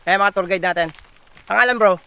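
A man's voice: high-pitched, fairly quick, vocal fry, clear, resonant tone. A man vlogging on a rural hike, cheerful and chatty, cheering and thanking people along the trail. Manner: upbeat, shouts greetings, laughs often. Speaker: travel vlogger. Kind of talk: excited casual vlog chatter. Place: outdoors on a rural forest trail.

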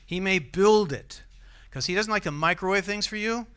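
A man's voice: high voice, normal speed, a bit bright, clean tone. A man with an American accent preaching a sermon in a church, conversational and often asking the congregation questions. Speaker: pastor.

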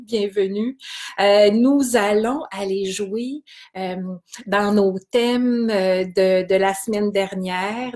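A woman with a Québécois accent hosting a wellness live stream from her computer, greeting viewers by name in a chatty way with many hesitations. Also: medium pitch. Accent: Québécois French. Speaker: kinesiology wellness host.

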